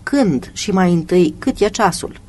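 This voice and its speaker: A reader voicing a tired, gruff middle-aged male police commissioner who speaks in short, curt lines in an audiobook. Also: mid-range voice, lively intonation, a little mellow, natural voice.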